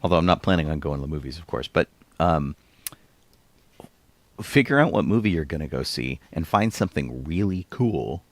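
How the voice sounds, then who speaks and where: A man's voice: very deep voice, animated, normal speed, no echo. A man co-hosting a podcast, chatting casually and telling rambling stories with small chuckles. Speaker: podcast co-host. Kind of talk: casual chat.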